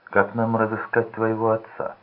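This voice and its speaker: A man's voice: lowish voice, monotone, normal speed, voice pushed up, lightly acted. A man voicing a nervous small-time crook, urgent and edgy, in a tinny lo-fi recording. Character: anxious small-time male crook, young. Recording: tinny phone-like lo-fi sound.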